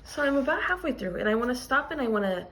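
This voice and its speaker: A high-pitched woman reads a children's picture book aloud like a teacher. Her delivery is expressive and deliberate, with stress on key words and explanatory asides mixed in.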